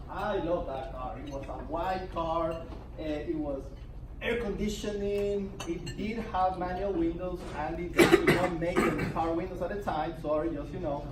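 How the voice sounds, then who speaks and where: A man's voice: high-pitched, background noise. Guy from el salvador telling a funny story at a meeting, laughs a lot, far off mic, echoey. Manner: animated, laughing storyteller with restarts. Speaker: presenter at a business networking meeting. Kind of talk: storytelling presentation.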